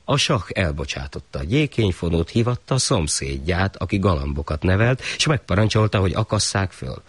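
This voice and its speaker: A man reading a folk tale aloud in an expressive storytelling style. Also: sits low, slightly rough, dry recording.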